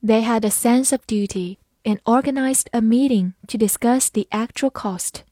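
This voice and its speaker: A woman narrating a scripted vocabulary lesson, saying each English word twice and then defining it slowly. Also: a little high, mellow, dry recording, clean studio sound.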